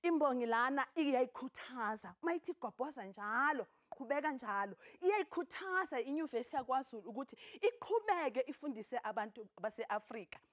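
A middle-aged South African woman teaching a poetry lesson, speaking in an emphatic, expressive, declamatory way. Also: sits high, fairly quick, hardly any pauses. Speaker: television teacher. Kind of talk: poetry lesson, reading and explaining. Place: television studio, indoors.

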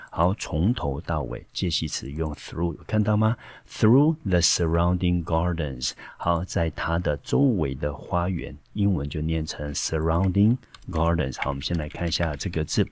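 A male high school English teacher with a Taiwanese Mandarin accent, explaining a textbook passage step by step with frequent fillers. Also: darkish tone, a little hiss or hum.

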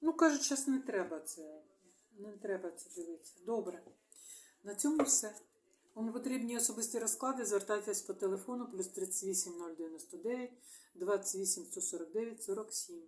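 A Ukrainian woman, a tarot reader, talking alone to her viewers in a halting way, thinking aloud and murmuring small agreements to herself. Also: medium pitch, darkish tone. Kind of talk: solo video monologue. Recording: echoey room.

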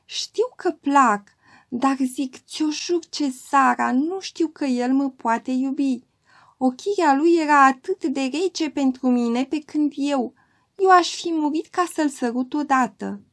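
A woman voicing a naive young girl in love, who speaks in a breathless, pleading way. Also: high-pitched.

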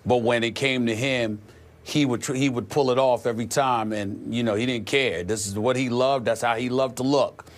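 A man's voice: medium pitch, steady tone, normal speed. A middle-aged man hosting a sports talk show, speaking earnestly and reflectively, often restarting his sentences. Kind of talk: conversational sports talk tribute.

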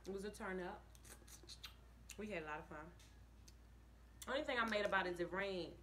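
A woman's voice: medium pitch, moderate pace, a bit bright, a little hiss or hum. A woman chatting casually to her viewers while chewing food. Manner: laid-back, chatty, talks straight to viewers. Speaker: mukbang vlogger. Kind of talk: casual chat.

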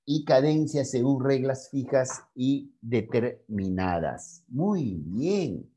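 A male secondary school literature teacher giving a class, explaining poetry and reciting verses with deliberate pauses, often checking in with his students. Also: mid-range voice. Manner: slow, lively delivery with frequent "¿ya?" and "¿ok?" check-ins.

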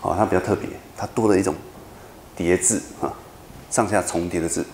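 A man's voice: low voice, fairly even intonation, a little fast, a little mellow, roomy sound, a little hiss or hum. A man lecturing a university class, explaining patiently and often checking whether students follow. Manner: patient, repetitive explaining with frequent checking questions.

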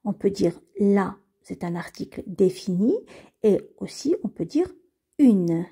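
A woman's voice: medium pitch, animated, takes it slowly, mellow, slightly rough. A woman teaching beginners to read French, patiently repeating and spelling out each word. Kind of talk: slow reading lesson for beginners.

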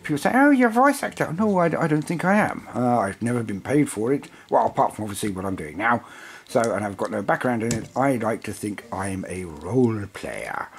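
A man's voice: lowish voice, slight background noise. A tired man chatting casually as a hobby channel host, rambling and digressive as he reviews a game book. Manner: rambling and digressive, self-described waffler. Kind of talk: casual chat.

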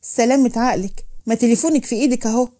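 A woman voicing a calm, teasing grandfather in his later years. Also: on the high side, racing, close to an everyday voice. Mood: amused.

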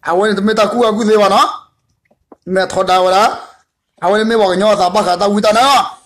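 Very high-voiced man telling a story. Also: steady tone, quick pace. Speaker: Bible study teacher. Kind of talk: spoken Bible study storytelling.

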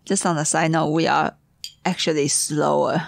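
A tired tea teacher from Taiwan whose first language is Taiwanese leads a tea tasting, halting and searching for words in a flat delivery. Her voice is low and gravelly, and the recording is dry and close with no room sound.

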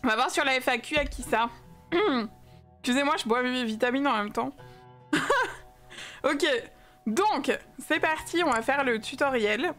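Young French woman streamer, high voice, loose chatty delivery greeting viewers. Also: unhurried, pauses often, fairly bright tone, faint music behind. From France. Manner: chatty, greets viewers by name, many fillers. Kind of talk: casual live-stream chat.

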